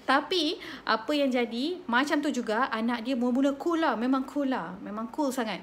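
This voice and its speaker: A woman in her thirties with a Malaysian accent, hosting a parenting talk and telling stories in a chatty, animated way. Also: sits high, moderate pace, a little hiss or hum. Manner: chatty, code-switching, animated storytelling. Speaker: host of a parenting slot. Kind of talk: casual live chat, storytelling.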